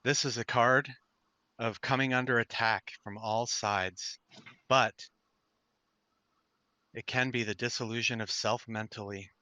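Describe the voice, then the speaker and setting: A man voicing a calm, mysterious female fortune-teller in a tabletop game, measured, cryptic and eerily calm. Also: medium pitch, no room sound. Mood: cryptic, solemn. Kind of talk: improvised tabletop role-play.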